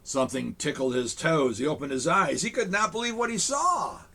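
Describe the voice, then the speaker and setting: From a small studio set, a man in a Santa persona reads a picture book aloud to children, pausing between pages to talk with them. He speaks at normal speed in a husky, gravelly voice that's somewhat high for a man, with a swooping, lively delivery and chatty, warm grandfatherly remarks to the kids.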